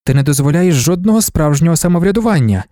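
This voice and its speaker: Here is a blunt, wary soldier who keeps pressing with short, pointed questions, as a man reads him. The voice has a mid pitch and a mellow, darker tone. The recording is dry and close. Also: expressive, fast, dry recording, close to an everyday voice.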